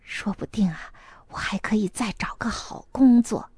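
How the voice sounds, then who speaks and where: A woman voicing a fretful fifty-year-old country mother who nags in a hushed, half-whispered voice. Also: medium pitch, moderate pace, slightly rough, no room sound, studio quality. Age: 50s.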